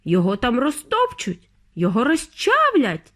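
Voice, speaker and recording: A woman voicing a grumpy father with a gruff, indignant manner. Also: fairly high pitch, wildly swooping pitch, normal speed, a bit bright, voice pushed up, heavily acted.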